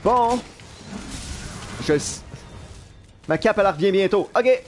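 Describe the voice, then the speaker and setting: A young man with a Quebec French accent giving live gameplay commentary in an animated, self-mocking way, swearing casually. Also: high-pitched, takes it slowly, soft background music. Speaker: live streamer. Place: at work.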